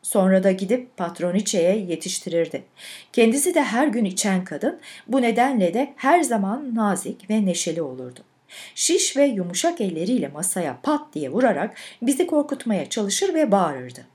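A woman with a medium-pitched voice narrates a literary audiobook, telling the story in a measured, expressive way.

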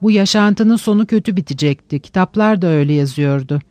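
A man narrating a literary audiobook in a measured, reflective way with slow pauses. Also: high voice, darkish tone, dry recording.

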